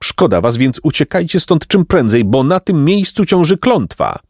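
A man's voice: fairly high pitch, very animated, normal speed, darkish tone, husky, no echo, voice pushed up, exaggerated voice. A yearning, tormented old courtier made of gold, sighing and exclaiming in a raised, swooping voice, as a male reader puts him on. It is a storybook character who lives on a lament. The sound is dry and close. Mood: grave. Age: older. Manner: sighing, exclaiming, heated whisper. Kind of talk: audiobook character reading.

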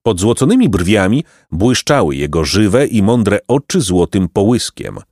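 Lively, expressive male storyteller. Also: on the low side, a little slow, dry recording, clean studio sound. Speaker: audiobook narrator. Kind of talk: storybook narration.

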